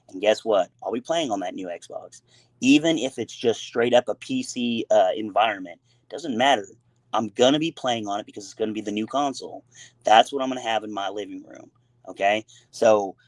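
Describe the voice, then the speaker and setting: A grown man with a son hosts a casual gaming talk show, his mid-range voice coming through with no echo. He talks in long, rambling, emphatic runs packed with fillers and restarts.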